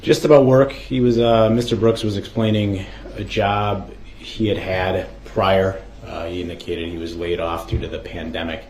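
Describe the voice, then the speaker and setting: Deep-voiced man testifying in echoey room. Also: steady tone, moderate pace, few pauses, a little mellow. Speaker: investigator testifying as witness. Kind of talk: formal courtroom testimony. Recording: echoey courtroom, faint noise.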